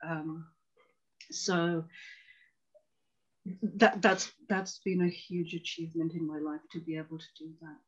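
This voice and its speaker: A woman's voice: low-pitched, little pitch movement, unhurried, pauses often. Earnest woman from Tanzania, lo-fi call. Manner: earnest, reflective. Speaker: psychotherapist guest. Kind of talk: personal storytelling in a conversation. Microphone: video call.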